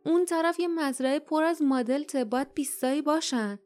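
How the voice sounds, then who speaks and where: A woman voicing a bold, sharp-tongued young girl in an audiobook, speaking in urgent, hushed tones. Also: high voice, faint music behind, pitched above the performer's own voice, close to an everyday voice.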